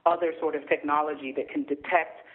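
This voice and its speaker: A man on the phone giving his views in a casual discussion, pausing often with ums and uhs. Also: on the high side, little pitch movement, slightly rough. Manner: hesitant, many ums and uhs. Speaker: guest commentator. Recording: tinny phone line.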